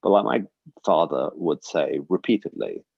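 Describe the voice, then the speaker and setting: This British guest speaker, also in his forties, talks earnestly and reflectively about personal matters on a synagogue livestream, often saying um and uh. His rumbling, gravelly voice has a breathy edge and an animated, moderate delivery, captured in dry, dull audio.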